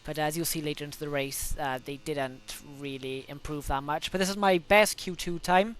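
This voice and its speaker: With a cold coming on, a young Welshman hosting a gaming video chats casually through racing game laps, correcting himself and using plenty of fillers. His voice is a little high and fairly bright, with fairly even intonation at normal speed, and faint music plays behind him.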